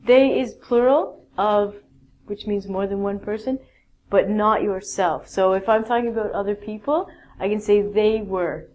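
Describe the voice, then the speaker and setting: A woman's voice: medium pitch, measured pace, darkish tone, highs cut off, a little hiss or hum. A woman teaching a basic English grammar lesson, patiently explaining rules and reading out example sentences.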